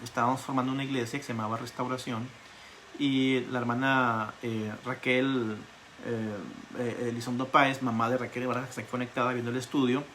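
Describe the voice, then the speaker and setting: Guy pastor preaching a bible study online, lively storyteller, keeps repeating stuff for emphasis, mid-pitch voice. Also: brisk, slight background noise. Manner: animated storytelling with emphatic repetition.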